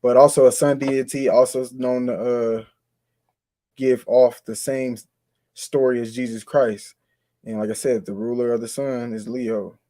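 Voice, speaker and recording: A man's voice: medium pitch, flat delivery, unhurried, mellow, no room sound. A man, explaining ideas in a loose, conversational way as co-host of a spiritual talk. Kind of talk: casual spiritual discussion.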